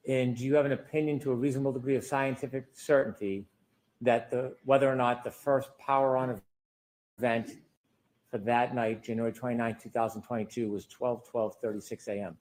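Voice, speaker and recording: A man questioning a witness in a formal, measured way, captured in a courtroom recording from a lectern mic. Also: medium pitch, fairly even intonation, darkish tone, rough recording. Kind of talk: courtroom examination. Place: courtroom, recorded for a live trial broadcast.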